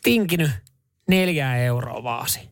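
A man's voice: mid-range voice, animated, dry recording, clean studio sound. A man hosting a casual chat show, rambling and laughing easily as he tells stories. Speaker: radio show host.

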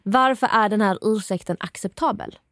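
A young woman with a mild Scanian lilt talks in quick, lively bursts, co-hosting a casual podcast. Her voice sits at a middling pitch and is recorded close and dry, with no room around it. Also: no echo. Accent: mild Scanian Swedish. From southern Sweden. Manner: animated, talks in quick bursts with quoted asides. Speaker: podcast co-host. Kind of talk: casual chat.

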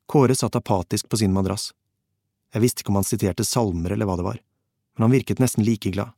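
A man narrating a first-person audiobook in a steady, measured reading. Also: fairly low pitch, no echo, studio quality.

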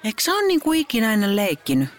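A woman's voice: fairly high pitch, huge pitch swings, a little hiss or hum. Woman doing a playful schoolboy, casual, teasing kid talk.

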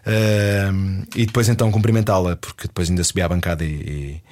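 A man's voice: low voice, brisk, a little mellow. A man with a European Portuguese accent, chatting as a guest and telling a story with many restarts and dry jokes. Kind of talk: casual chat.

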